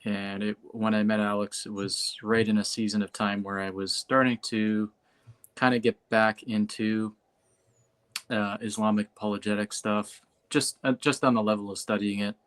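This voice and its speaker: Low-voiced man chatting casually as host. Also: level tone, moderate pace, smooth. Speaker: host, pastor. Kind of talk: casual chat.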